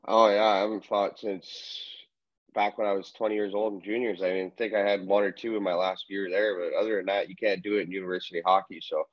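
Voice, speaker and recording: A young man from Canada, heard over a video call, talks in an easygoing way with brief agreeable answers. His voice sits low and the sound is dry. The call audio is dull and lo-fi. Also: flat delivery, fast, no room sound. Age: young adult. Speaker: hockey player guest. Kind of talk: casual interview chat.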